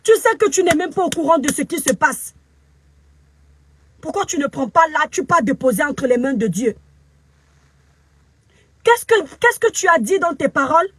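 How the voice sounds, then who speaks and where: Very high-voiced Cameroonian woman scolding. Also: lively intonation, normal speed, long pauses, a bit bright. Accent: Cameroonian French. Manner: scolding, preachy, emphatic repetition. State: very upset. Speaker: social media commentator. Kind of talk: angry live video rant. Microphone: phone camera.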